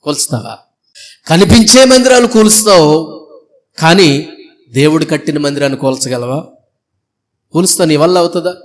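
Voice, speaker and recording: Casting male pastor, high voice, fervent Easter sermon, drills rhetorical questions at the congregation. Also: lively intonation, moderate pace, pauses often. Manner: emphatic, rhetorical questions and repeated lists. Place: church before a congregation.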